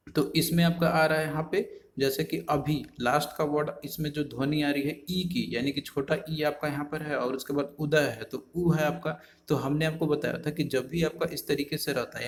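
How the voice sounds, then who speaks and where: A man teaching an exam-prep Hindi grammar lesson, explaining rules step by step with rhetorical questions. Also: medium pitch. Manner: explanatory, repeats filler words, rhetorical questions to students.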